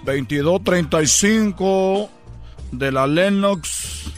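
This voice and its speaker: A man's voice: high voice, takes it slowly, soft background music. A man voicing a cheerful Cuban baseball player with a Cuban Spanish accent, chatty and calling everyone "chico" in a radio comedy sketch. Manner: chatty, keeps saying "chico".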